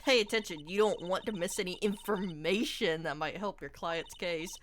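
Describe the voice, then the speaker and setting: A woman reading the lines of a calm female mentor lawyer giving advice. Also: on the low side, normal speed, a little hiss or hum, natural voice. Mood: instructive.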